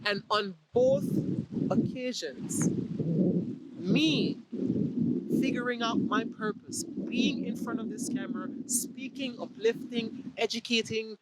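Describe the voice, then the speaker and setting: A man hosting his vlog, giving a slow, deliberate motivational talk to the camera and asking the viewer rhetorical questions. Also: extremely high pitch, background noise. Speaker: vlog host.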